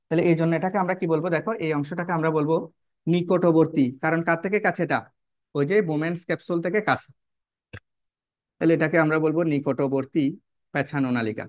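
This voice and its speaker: A man teaches a biology lesson while drawing, repeating key terms, asking rhetorical questions and frequently checking in with "কেমন?". He talks fast in a fairly high voice with fairly even intonation, in a dry, clean studio recording.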